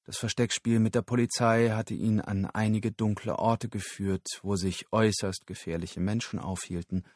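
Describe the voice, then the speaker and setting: A man narrating an audiobook in a steady, measured storytelling voice. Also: fairly low pitch, no echo, studio quality.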